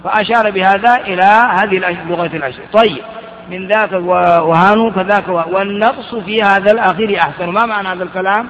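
A man's voice: sits high, fairly even intonation, fast talker, fairly bright tone, a little hiss or hum. A man teaching Arabic grammar in class, asking questions and answering them himself with frequent restarts. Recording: dull, reverberant hall recording.

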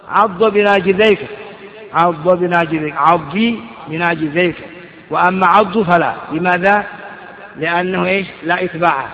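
A man with a high, slightly bright voice teaches grammar, reading a text aloud before explaining it through rhetorical questions. It's classroom commentary captured in a lo-fi recording from a lecture hall that sounds muffled and echoey.

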